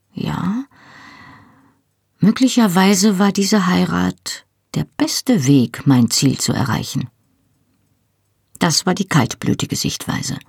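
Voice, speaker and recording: An audiobook reader narrating a novel in a measured, expressive way. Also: medium pitch, slightly rough, no echo, clean studio sound.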